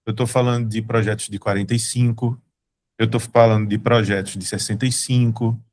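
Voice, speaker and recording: A studio co-founder with a Brazilian Portuguese accent from Recife presents to an online meeting. Casual and emphatic, he repeats his points and addresses the audience directly, in a mid-range voice with a darkish tone.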